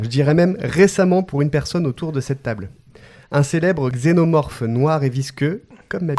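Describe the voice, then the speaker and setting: A man hosts a podcast and reads a guest introduction. His voice sits a little higher than most men's. He keeps it playful, breaking into laughter and joking asides between the scripted lines. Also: a little mellow, slight background noise. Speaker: podcast host.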